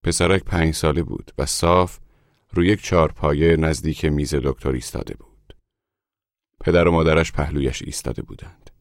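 A man narrating a literary short story in a slow, measured way, at times hushed. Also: extremely low pitch, fairly even intonation, no echo, studio quality.

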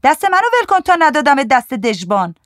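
A woman voicing a sharp-tongued, impatient woman who answers with brusque, mocking retorts in a storybook reading. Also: medium pitch, animated, no room sound, clean studio sound, pitched above the performer's own voice, close to an everyday voice. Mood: shrieking.

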